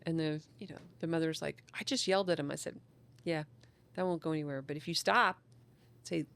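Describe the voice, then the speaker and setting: A woman child psychologist talking in a casual podcast conversation, an enthusiastic, animated storyteller who acts out the people she quotes. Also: sits low, brisk, creaky.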